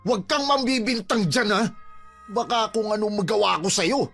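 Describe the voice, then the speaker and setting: A man's voice: high voice, normal speed, creaky, a bit bright, soft background music. A man playing a mocking, scheming brother-in-law. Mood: dismissive. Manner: mocking, dismissive.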